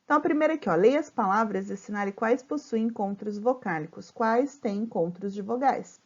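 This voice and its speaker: A Brazilian woman teaching a remote grammar lesson to children, patiently spelling out syllables slowly and checking in often. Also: medium pitch, muffled recording. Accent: Brazilian Portuguese.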